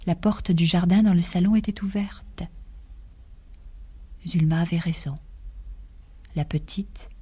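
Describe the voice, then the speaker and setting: Husky woman reading a story aloud. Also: fairly low pitch, takes it slowly, pauses often. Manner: expressive, often drops to a whisper. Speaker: reader. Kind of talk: dramatic story reading for radio.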